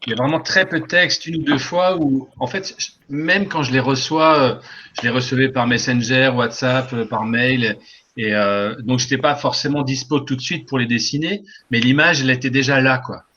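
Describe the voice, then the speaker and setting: A man with a bright, forceful voice talks casually, pausing and searching for words. The audio sounds dull and lo-fi. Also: mid-range voice, slight background noise. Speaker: illustrator. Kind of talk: casual chat.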